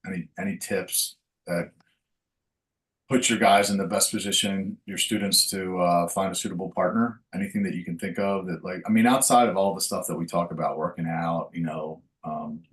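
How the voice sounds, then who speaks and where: A man's voice: low voice, steady tone, moderate pace, far from the mic, low-quality recording. A man hosting a podcast, asking laid-back, rambling questions full of fillers. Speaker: podcast host and dating coach. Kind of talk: casual interview chat.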